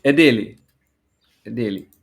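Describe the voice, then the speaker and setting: A man's voice: mid-range voice, a little slow, vocal fry, breathy edge. A man hosting a casual podcast, reading listener comments aloud and adding joking asides. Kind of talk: casual theological podcast chat.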